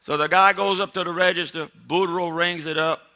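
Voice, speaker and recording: Bright, high-voiced Cajun man spinning a yarn. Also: fairly even intonation, fairly quick. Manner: folksy, rambling, repeats phrases. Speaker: comedian, joke teller. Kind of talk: live comic storytelling.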